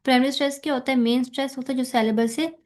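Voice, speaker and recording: Pakistani-accented female lecturer, slightly high voice, patient step-by-step explanations with English terms mixed in. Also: steady tone, rapid-fire, darkish tone. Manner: explains step by step, mixing English terms, often checks "theek hai". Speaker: teacher. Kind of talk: recorded lecture explaining slides.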